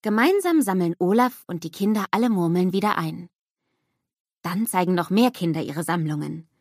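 A woman narrating a scripted children's story in a lively storybook manner. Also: lowish voice, dry recording, studio quality.

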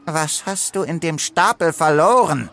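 A man's voice: a little high, a little slow, fairly bright tone, a little hiss or hum, pitched above the performer's own voice. A man doing a snarling grumpy crocodile. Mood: angry. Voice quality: rasping, snarling.

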